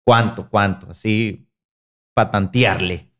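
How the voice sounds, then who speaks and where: A young man with a Sinaloa Mexican Spanish accent hosting a podcast in a small studio, relaxed and full of slang. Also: on the low side. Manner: slangy, relaxed, quick interjections. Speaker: podcast host. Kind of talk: casual chat. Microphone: studio mic on boom arm, headphones.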